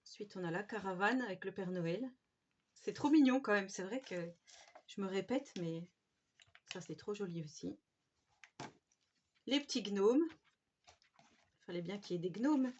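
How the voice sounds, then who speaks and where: A woman's voice: mid-range voice, animated, measured pace, long pauses, darkish tone, a little hiss or hum. A woman casually showing off craft supplies she bought, chatty and gushing, with many fillers. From France. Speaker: craft vlogger. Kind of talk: casual haul show-and-tell. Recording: slightly dull home recording.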